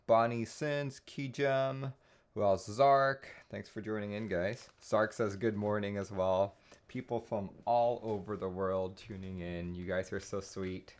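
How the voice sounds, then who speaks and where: A man from Taiwan hosting a live stream, chatting casually while greeting viewers and reading their messages aloud. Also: lowish voice.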